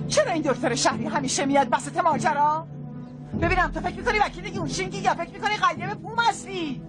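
A woman voicing an agitated village woman who shouts in a dubbed drama. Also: very high-pitched, over loud music. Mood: angry. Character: furious village woman, older, quick to shout.

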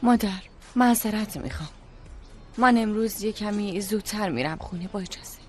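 A woman's voice: mid-range voice, darkish tone, soft background music, close to an everyday voice. A woman dubbing a clumsy young restaurant worker who pleads and apologizes. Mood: pleading. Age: young adult. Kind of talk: dubbed drama acting.

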